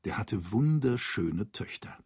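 Expressive man reading a fairy tale. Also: fairly low pitch, slightly rough, dry recording, studio quality. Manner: measured, expressive storytelling. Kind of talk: scripted fairy-tale narration.

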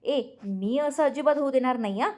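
A woman narrator voicing a suspicious, quick-tempered young man in a storybook reading. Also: high voice, animated, darkish tone, pitched above the performer's own voice. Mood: agitated. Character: exasperated young man, teasing Ranjit.

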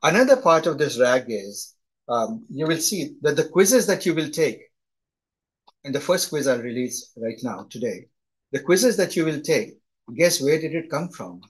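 Over a video call, a middle-aged instructor with a strong Indian accent delivers a live lecture in a chatty manner, habitually ending points with "right?". His highish voice is sing-song and breathy-edged at a moderate pace, heard through poor audio.

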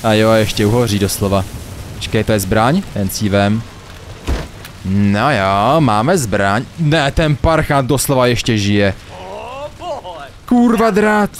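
A young man commenting on his own gameplay in a let's play, animated, swearing and laughing often. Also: fairly low pitch, slight background noise. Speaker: gamer, let's play host.

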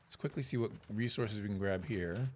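A man with a fairly low voice talks through his gameplay in a relaxed, rambling way. He muses aloud to himself as he plays. Faint game ambience sits in the background. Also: fairly quick, a little hiss or hum. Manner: chatty, musing aloud to himself. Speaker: game streamer. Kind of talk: casual gameplay commentary.

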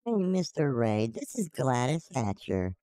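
A rambling old lady, put on by a man, leaves a voicemail, full of ums, endearments and blessings. Her voice is mellow and dark, in a dry, close sound with no room around it. She sounds fond and a little scattered. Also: medium pitch, sing-song, a little slow, dry recording. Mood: sweet. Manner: doting, hesitant, calls listener sweetheart. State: leaving a voicemail. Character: sweet rambling old woman caller.

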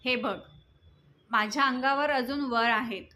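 A woman's voice: high-pitched, fairly even intonation, a little slow, pushed and bright. A woman voicing a frightened young boy who wails and pleads. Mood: sulky. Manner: wailing, pleading.

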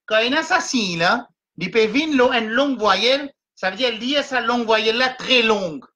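Bright-voiced man teaching slow Quran reading. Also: very high-pitched, lively intonation, rough recording. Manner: spells out letters and vowel marks, then blends them slowly. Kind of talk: slow letter-by-letter reading lesson. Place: home, livestream.

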